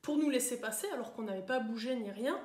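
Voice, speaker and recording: A woman's voice: fairly high pitch, fast talker, darkish tone. Chatty woman coach in echoey room. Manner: chatty, with many fillers and tag questions. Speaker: coach giving self-improvement advice. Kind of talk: live talk to viewers.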